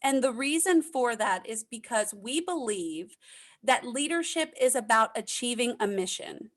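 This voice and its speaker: High-voiced woman, emphatic interview guest. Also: lively intonation, a little slow. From United States. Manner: emphatic, repeats points for effect. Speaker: podcast guest, leadership consultant. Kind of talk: casual interview chat.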